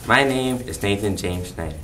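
A young man answering casually, in a halting way. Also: lowish voice, expressive, fairly bright tone, recorded from a distance, slight background noise.

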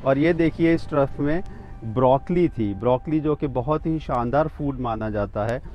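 Soft background music plays and the highs are cut off as a man speaks in a mid-range voice at normal speed. This fifties-aged man leads a walking tour of a rooftop vegetable garden outdoors, explaining each plant to the camera plainly and steadily, with small restarts.

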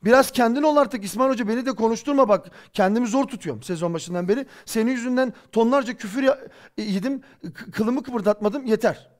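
A man's voice: very high-pitched, fairly quick. A man in his forties giving heated post-match football commentary, impassioned and scolding. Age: 40s. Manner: impassioned, ranting, rhetorical scolding. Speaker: football pundit. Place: studio.

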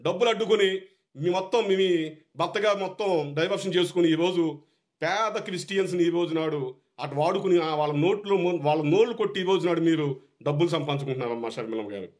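A man's voice: a little high, quick pace, a little mellow. A man with a Telugu accent, a political party supporter, giving a heated, repetitive, scolding rant.

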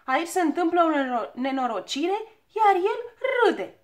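A woman's voice: very high-pitched, big pitch swings, voice pushed up. Brief: snappish, indignant dwarf, read by a woman, children's storybook. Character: hot-tempered male dwarf, snappish.

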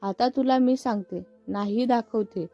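A woman's voice: a little high, measured pace, dry recording. A woman reading the lines of a playful, giggly young woman in a story. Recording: muffled with faint background music.

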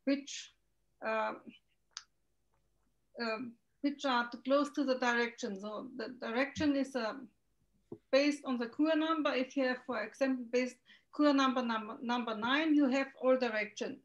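High-voiced woman with a German accent. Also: a little slow. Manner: hesitant, searching for words with many ums. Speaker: guest, feng shui consultant. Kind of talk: video call interview. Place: home room with window. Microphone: video call. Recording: dull lo-fi video call audio.

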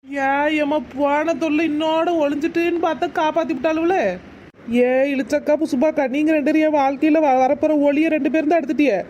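A woman's voice: high voice, steady tone, fairly quick, darkish tone, a little hiss or hum, close to an everyday voice. A woman voicing a sly, spiteful village woman in a cartoon, muttering sarcastic asides. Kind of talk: cartoon voice acting.

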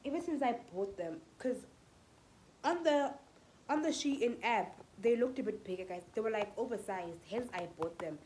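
A woman's voice: fairly high pitch, animated, normal speed, a little mellow, a little hiss or hum, low-quality recording. A South African woman in her twenties, vlogging casually at home with a stuffy, fluey voice, talking to a phone camera held at arm's length. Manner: chatty, mixing in Setswana phrases. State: congested with flu. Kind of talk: casual vlog chat. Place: home living room and bedroom.

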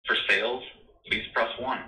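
A man's voice in a recorded phone menu message, giving polite scripted options in an even, automated delivery. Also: medium pitch, normal speed. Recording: phone message played back from a distance in a roomy space.

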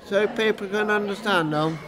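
A man's voice: high-pitched, moderate pace. An older man at an event in a conference hall, often repeating what he is prompted with and answering in short "yup"s. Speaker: event participant. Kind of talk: vox pop interview. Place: large busy conference hall. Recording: crowd chatter behind.

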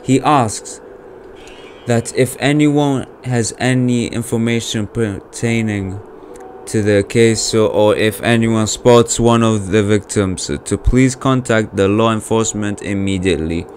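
A young man giving casual let's-play commentary on a horror game, jumpy and swearing, his voice jumping high when scared. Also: measured pace, a little mellow, slight background noise. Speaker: gaming YouTuber.

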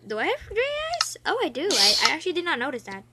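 A woman's voice: high voice, huge pitch swings, fast talker. A woman joining a casual gaming session, playful and melodramatic, teasing herself as she plays. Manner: playful, melodramatic, self-mocking. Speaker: let's-play guest. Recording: loud background noise and clicks.

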